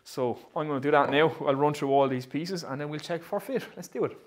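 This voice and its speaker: Fairly high-pitched and fairly quick, this man in his thirties runs a woodworking vlog, chatting upbeat and casual while thinking aloud over his work. He's recording inside his shed, which has pegboard walls.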